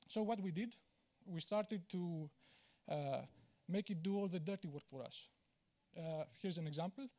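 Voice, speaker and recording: A man's voice: high voice, moderate pace, warm tone. A man, giving a conference talk on stage in a large auditorium, candid and self-deprecating, with many fillers and restarts. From Greece. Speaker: conference speaker. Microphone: handheld mic.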